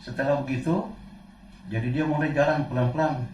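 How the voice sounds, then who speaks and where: A man casually recounting a true experience, halting and repeating phrases as he goes. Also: mid-range voice, fairly even intonation, darkish tone. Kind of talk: casual spoken storytelling. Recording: roomy, distant mic, faint background noise.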